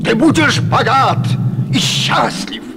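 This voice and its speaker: A man's voice: very high voice, wildly swooping pitch, slow, pushed and bright, a little hiss or hum, heavily acted. An actor playing an ancient, scheming genie sorcerer in a cartoon, theatrical, gloating and wheedling, declaiming his lines. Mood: tempting. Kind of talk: cartoon voice acting. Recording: music behind the voice.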